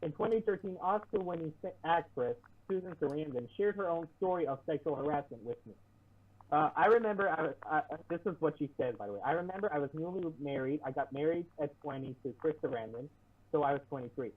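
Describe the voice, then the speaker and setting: A man's voice: fairly high pitch, animated. Muffled man, as if through a wall. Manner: halting, stumbling restarts. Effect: muffled, as if heard through a wall. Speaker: online show co-host reading an article. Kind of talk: reading aloud with sarcastic asides. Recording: muffled, distant, lo-fi mic with popping and faint hiss.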